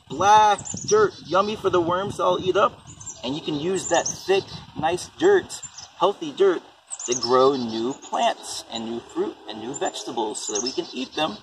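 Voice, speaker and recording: This is a parent reading a storybook and talking casually about composting, keeping things simple and asking questions for a small child. His voice sits high and sounds animated, at a measured pace. A faraway mic catches faint background noise.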